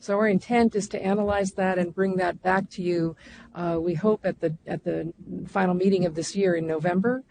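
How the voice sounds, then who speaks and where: Woman, low gravelly voice, staff at a public meeting, thoughtful with restarts, faint room noise. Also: fairly even intonation, normal speed. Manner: thoughtful, restarts mid-sentence. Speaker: commission staff leader. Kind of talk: answering questions at a public meeting.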